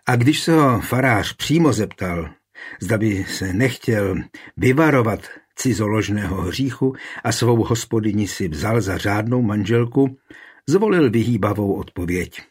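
A man reading a historical novel aloud in a calm, measured narration. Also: lowish voice, slightly rough. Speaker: audiobook narrator. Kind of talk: scripted narration.

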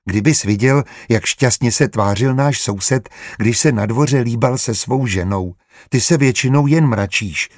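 A man's voice: no echo, studio quality, close to an everyday voice. A man voicing a small, curious, insistent boy in a storybook reading. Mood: pleading, insistent. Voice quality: raised childlike pitch.

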